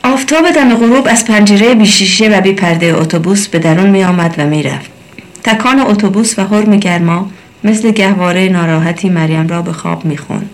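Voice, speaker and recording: A woman narrating a story in a steady reading voice, shifting slightly for the characters' lines. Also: mid-range voice.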